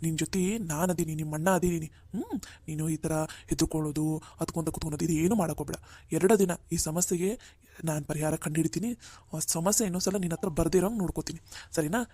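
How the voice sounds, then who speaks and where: A woman's voice: low voice, fairly even intonation, quick pace, dark tone, breathy edge, dry recording. A woman voicing a firm, caring older brother in a cartoon, who reassures his sister again and again. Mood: reassuring. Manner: firm, reassuring, repeats "all right?". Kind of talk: cartoon voice acting.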